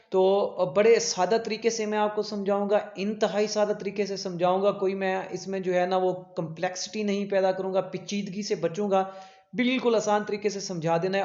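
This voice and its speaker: Guy lecturing on poetry terms, highish voice, keeps saying theek hai, muffled lo-fi echoey recording. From Pakistan. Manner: repeats points as questions and answers them himself. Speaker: English literature teacher. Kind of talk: exam-prep lecture. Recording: echoey room, dull lo-fi sound.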